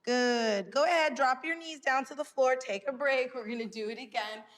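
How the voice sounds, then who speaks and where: Her high-pitched voice moves at a moderate pace as this woman fitness instructor exercises and leads a stretching workout, calling out timed breaths and offering encouragement. Long hall-like reverb colors the sound.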